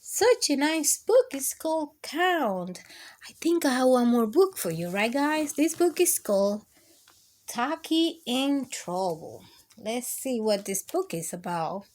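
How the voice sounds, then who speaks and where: Here the storytime reader has a high-pitched, slightly mellow voice and reads at a slow pace. She stays very animated as she shares picture books with young children, drawing words out and talking right to them.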